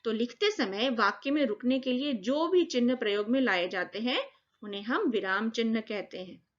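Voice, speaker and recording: A woman teaches young children grammar, explaining each point clearly and step by step. Her voice sits fairly high, and the recording is muffled and lo-fi. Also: animated, moderate pace. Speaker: primary school teacher. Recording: dull lo-fi recording.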